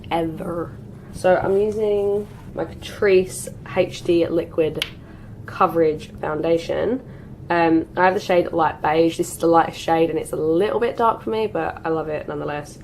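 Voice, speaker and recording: A British beauty vlogger in her twenties chats through a get-ready-with-me makeup routine while recovering from a cold, filling her speech with "like" and "um". Her voice is low, creaky and darkish, on a rough recording with a little hiss or hum.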